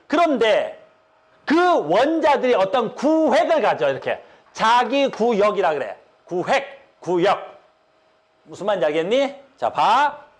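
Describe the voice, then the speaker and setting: A male physics teacher lecturing a class, stopping again and again to check that students follow. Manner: keeps checking understanding with short questions; lively, swings between loud stresses and low mutters.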